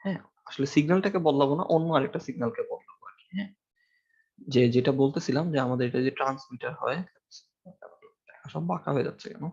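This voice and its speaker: A man's voice: mid-range voice, quick pace, gravelly, darkish tone, lo-fi sound. A man teaching a university class through a microphone, explaining step by step and asking his students questions, with frequent fillers. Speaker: university lecturer. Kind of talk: classroom lecture. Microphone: microphone with amplifier in a classroom.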